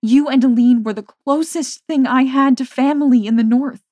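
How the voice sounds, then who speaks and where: A raw, high, heartbroken young woman, as a woman narrator plays her, pleading with a friend who betrayed her. Her voice climbs and strains to loud anguished cries in a dry, close storybook reading. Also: measured pace, slightly rough, no echo. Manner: pleading, rising to anguished shouts.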